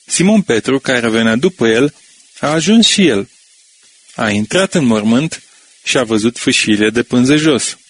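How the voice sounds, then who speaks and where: Husky man reading scripture slowly. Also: mid-range voice, animated.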